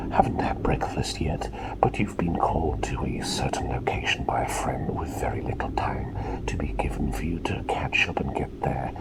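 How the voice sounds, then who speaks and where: Man doing a slow whispered role-play plague doctor. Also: rumbling low, vocal fry, heavily acted, poor audio. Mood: curious, attentive. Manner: soft, unhurried, gently repetitive and formal. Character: courteous, inquisitive plague doctor soothing a patient. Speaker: ASMR performer.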